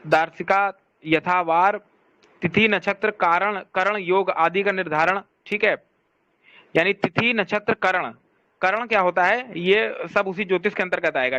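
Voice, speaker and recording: Male lecturer, high voice, reads a text aloud and explains it, answers his own questions, dry close sound. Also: bright, forceful tone, dry recording, dull audio. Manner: speaks to someone scrolling a shared document. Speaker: teacher of Vedic studies.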